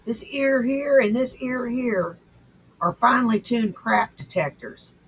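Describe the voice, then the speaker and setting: A woman's voice: fairly high pitch, expressive, breathy edge, low-quality recording. A woman commenting on a clip in a blunt, scornful and sarcastic way. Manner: scornful, sarcastic, slow and deliberate. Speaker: commentator reacting to clips.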